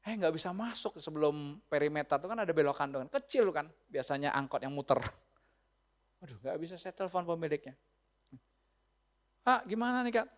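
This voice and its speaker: A male pastor, telling a chatty, animated story to his congregation and often laughing. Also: a little high, quick pace. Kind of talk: storytelling sermon.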